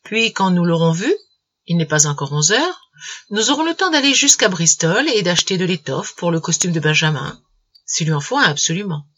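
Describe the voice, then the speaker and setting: A woman reading the part of a calm, plain-spoken older uncle in a storybook reading, keeping her tone even and dry. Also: fairly low pitch, moderate pace, slightly rough, lo-fi sound. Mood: calm, patient.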